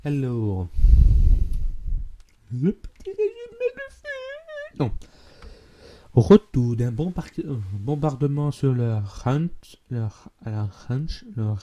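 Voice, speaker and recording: A man's voice: medium pitch, dark tone, a little hiss or hum. A man with a Belgian French accent, chatting casually to his viewers, rambling and often stumbling over words and correcting himself. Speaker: YouTuber. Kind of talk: casual vlog talk.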